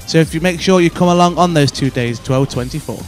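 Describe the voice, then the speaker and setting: A man's voice: a little high, fairly quick, faint music behind. A young man presenting church news announcements into a handheld mic in a church café, earnest and friendly. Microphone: handheld microphone.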